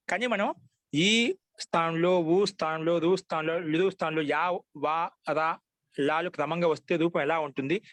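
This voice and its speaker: A man's voice: on the high side, no room sound. Patient man teaching grammar, dry sound. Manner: patient, repeats each example slowly; asks students for confirmation often. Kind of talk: online class lecture.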